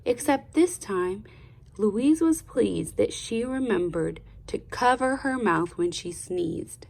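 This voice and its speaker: A speech therapist reads a storybook to children the way a teacher guides young listeners, pausing expressively to prompt the child. She speaks very slowly and deliberately in a medium-pitched voice with a noticeable creak.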